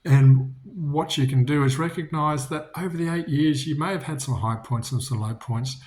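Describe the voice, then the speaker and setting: A man's voice: fairly high pitch, moderate pace, darkish tone, roomy sound. A man giving a casual, reflective talk about faith and business, speaking informally and often restarting his sentences. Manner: informal, many restarts, storytelling.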